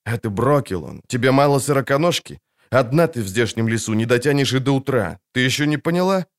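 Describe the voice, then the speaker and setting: A gruff, sarcastic monster hunter who loses patience quickly, read by a man in near his own voice. His speech rises and falls expressively, mocking one moment and sharp the next. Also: medium pitch, expressive, lightly acted.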